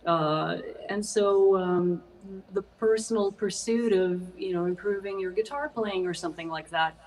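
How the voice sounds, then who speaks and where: A Swedish woman, a musician guest in an interview, chats casually with a faint Swedish accent and plenty of hesitant fillers. Her mid-range voice has a darkish tone and a measured pace, and she sounds a bit far from the mic.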